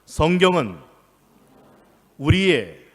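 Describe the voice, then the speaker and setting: A man delivers a sermon from the pulpit of a church, his voice sitting a little high for a man. He leans into key phrases with emphatic stress. The sound carries a long reverb from the hall around him. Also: very animated, extremely slow. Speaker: pastor. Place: church sanctuary.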